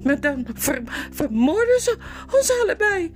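A woman reading a storybook aloud and voicing a whiny, easily frightened young noblewoman in a high, squeaky, tearful wail. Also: very animated, unhurried, soft background music.

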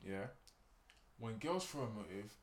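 A man's voice: on the low side, expressive, measured pace. A young man with a London roadman accent in a casual group chat, talking in street slang and pressing his points emphatically. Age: young adult. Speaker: podcast co-host.

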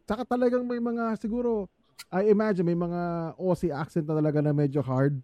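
A man's voice: high voice, fairly quick, dry recording. A man, chatting casually in a mix of Tagalog and English and laughing often as he tells stories. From Philippines. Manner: lively, laughs often, animated storytelling.

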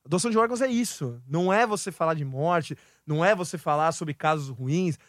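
A man with a Brazilian Portuguese accent, a podcast guest telling a long anecdote in casual slang with quick asides. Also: fairly high pitch, no echo, clean studio sound. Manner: lively storyteller, heavy slang, quick asides.

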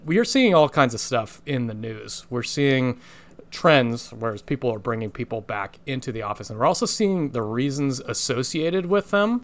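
A man hosting a podcast from home, chatty and fired up, laughing often and digging into his topic. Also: medium pitch. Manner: energetic, ranting, laughs often. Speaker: podcast host. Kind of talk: casual podcast chat.

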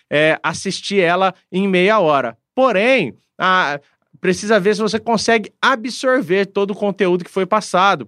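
High-voiced earnest Brazilian-Portuguese-speaking man. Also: a bit bright, no echo, studio quality. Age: adult, father of a daughter. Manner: earnest, reflective, frequent hesitations. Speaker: guest speaking with a pastor. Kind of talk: casual conversational talk.

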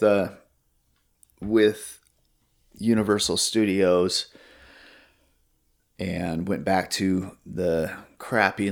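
A man with a very low, gravelly voice hosts a casual podcast chat. He tells his story in a loose, rambling way, pausing to search for words. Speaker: podcast host.

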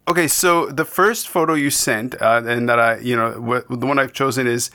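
A man's voice: mid-range voice, moderate pace, sharp tone. A man from Canada hosting a podcast, chatting casually and rambling with many restarts and digressions. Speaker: podcast host. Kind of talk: casual interview chat.

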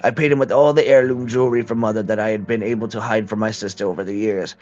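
A man plays an elderly mother recounting a terrible deed with quiet, grave pride. Her voice sits low for an old woman, and the telling is slow and steady. Faint music plays under the reading. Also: highs cut off, natural voice. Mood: grim, proud.

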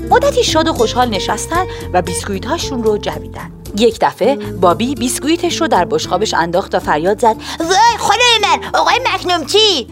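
A woman narrating a children's audiobook in an expressive, playful way. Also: medium pitch, few pauses, music in the background.

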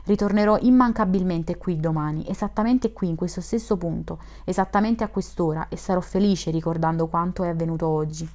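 An earnest, gushing young man who lives in his daydreams, read by a woman. He pours out his feelings in an audiobook of a classic novel, in a low-pitched, heartfelt voice. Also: a little fast, hardly any pauses, dark tone, lightly acted. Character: young male dreamer, shy and effusive.

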